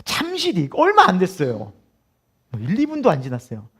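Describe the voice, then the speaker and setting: A middle-aged male pastor preaching a sermon, telling a story with laughter and acting out shouted quotes. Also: high voice, huge pitch swings, normal speed, breathy edge.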